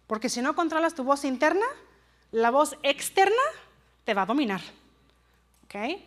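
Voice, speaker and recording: High-voiced woman leading a workshop. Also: a bit bright. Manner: engaging, keeps asking the audience questions, drops in English phrases. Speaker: workshop trainer for supervisors. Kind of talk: live workshop talk to an audience. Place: room with a live audience.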